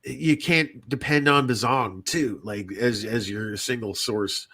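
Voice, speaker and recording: This podcast host, an indie fiction writer, chats casually in a rambling, repetitive way, swearing often and putting himself down. His medium-pitched voice moves slowly, with a sharp, slightly rough edge.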